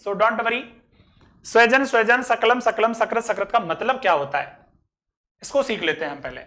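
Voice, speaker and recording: Bright-voiced male grammar teacher. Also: sits high. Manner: recites verses slowly, then explains them. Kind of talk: online grammar lesson.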